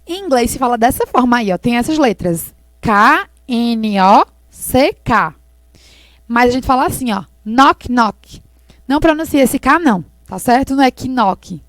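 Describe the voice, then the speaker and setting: A woman English teacher explaining slowly and patiently, repeating words for her students in a recorded lesson. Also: on the high side, lively intonation, no room sound.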